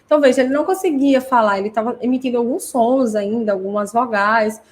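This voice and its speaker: A fast-talking woman with a highish voice and Brazilian Portuguese accent runs a live class for parents as host and educator. She keeps it conversational, working through many examples and regularly ending lines with tag questions.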